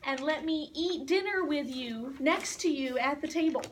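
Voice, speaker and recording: A woman voicing a talking frog from a storybook, speaking in a gently coaxing way. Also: high voice, moderate pace, close to an everyday voice. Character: talking frog bargaining by a pond. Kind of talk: storybook read-aloud for learners. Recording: distant mic with faint hiss.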